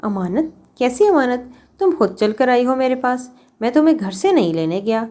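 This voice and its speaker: This is a vengeful young male villain in an audio novel, voiced by a woman narrator. He sneers and threatens, with a raised, forceful pitch. The tone stays cruel and mocking. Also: very animated. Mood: taunting, menacing.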